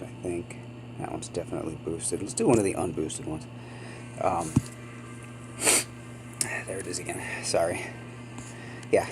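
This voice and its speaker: A gaming channel host with a very low voice and vocal fry narrates his gameplay casually, rambling with lots of ums and small apologies. He sounds sniffly, like he has a cold. A steady hum runs beneath the home recording.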